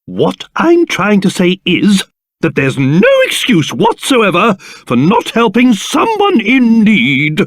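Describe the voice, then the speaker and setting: An actor with a British accent playing a pompous, excitable old king in a video game, theatrical and blustering, with old-fashioned posh phrasing. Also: high voice, slow pace, no room sound, studio quality, full character voice. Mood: indignant, blustering. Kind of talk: video game character voice acting.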